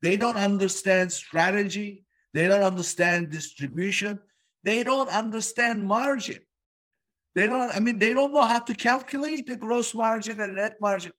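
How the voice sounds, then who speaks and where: A man's voice: high-pitched, normal speed, fairly bright tone. A man from Turkey in a casual business conversation, talking emphatically and repeating key words for stress.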